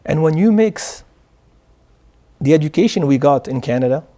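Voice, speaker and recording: A man's voice: fairly high pitch, lively intonation, normal speed, mellow. A man from Morocco, a guest answering interview questions in an earnest way, often repeating words as he starts sentences. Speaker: guest, charity founder. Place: studio.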